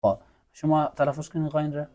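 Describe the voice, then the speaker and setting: A man teaches Quran recitation in a classroom, patiently drilling letter sounds in call-and-repeat fashion and praising his students. His voice is a little high and mellow, with little pitch movement.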